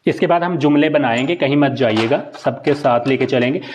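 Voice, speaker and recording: In a live online Italian lesson, a male instructor breaks concepts down step by step, answering his own questions while switching between Hindi-Urdu, English and Italian words. He talks fairly quickly in a mid-range, slightly mellow voice, with a bit of hiss or hum in the background.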